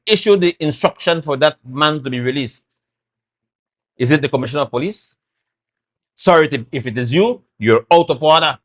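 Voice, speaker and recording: A man's voice: on the high side, expressive, normal speed, long pauses. Middle-aged Belizean man, talk show guest, hammers his points home and repeats them. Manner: emphatic, repeats points, acts out quotes. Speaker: guest, former party chairman.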